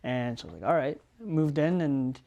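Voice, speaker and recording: A man's voice: mid-range voice, moderate pace, creaky. A young man from Ontario, talking about his housemates in a documentary interview, in a loose way with many fillers. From Ontario, Canada. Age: young adult. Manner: relaxed, talks with many fillers.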